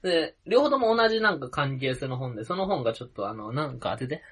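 A man's voice: mid-range voice, sing-song, fast talker, a bit bright, slightly rough. Chatty young man telling a rambling story. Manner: rambling storyteller, laughs often. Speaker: podcast co-host. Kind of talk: casual chat.

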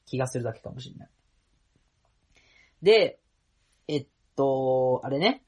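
Husky young man teasing his co-host. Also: medium pitch, expressive, darkish tone. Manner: teasing, quick retorts with laughs. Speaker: podcast co-host. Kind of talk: casual comedic banter.

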